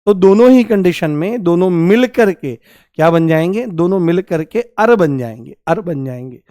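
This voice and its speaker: A young man leads a grammar lesson in a high, clear voice, firing rhetorical questions at his class and stretching each answer out in a sing-song way. The sound is dry and close. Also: lively intonation, dark tone, dry recording. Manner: repeats key answers in a drawn-out, sing-song way. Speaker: Hindi grammar teacher. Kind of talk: classroom lecture.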